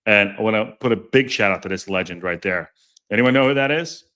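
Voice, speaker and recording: Reading viewer comments on a live stream, this podcast host jokes and chats in a deep, strong voice that's pushed, bright, and fairly quick. His talk is rambling and self-interrupting, full of stumbles and restarted sentences.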